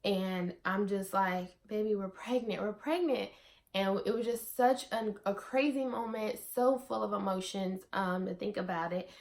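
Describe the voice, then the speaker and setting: A woman's voice: medium pitch, a little slow, few pauses. A young adult woman vlogging, telling a personal story casually to the camera with lots of fillers and asides to viewers. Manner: chatty, many "like" fillers, addresses viewers as you guys.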